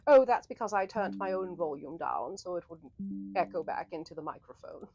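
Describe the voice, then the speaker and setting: A woman hosting an interactive story livestream in a theatrical, flowery old-fashioned manner, with a breathy voice. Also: lowish voice, expressive, moderate pace, a little mellow, faint music behind.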